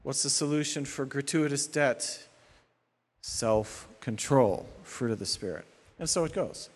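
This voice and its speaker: A man's voice: mid-range voice, a little slow, husky. A male pastor preaching a sermon, moving between plain teaching and acting out heated prayers and complaints. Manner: animated, acts out prayers and complaints. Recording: long hall reverb.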